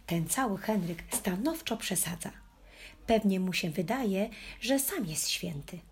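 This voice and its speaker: A woman's voice: mid-range voice, lively intonation, unhurried, slight background noise. A woman reading a children's story aloud in the first person as a playful puppy, with a wry storytelling manner. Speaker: audiobook reader.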